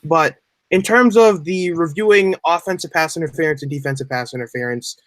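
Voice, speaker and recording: A young man co-hosting a casual sports podcast, rambling through animated explanations. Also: on the high side, fairly quick, no echo. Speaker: podcast co-host.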